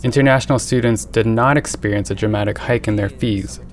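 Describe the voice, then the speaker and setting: A man reporting and narrating a scripted news feature in a measured, even reading. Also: fairly low pitch, slight background noise. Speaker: radio reporter.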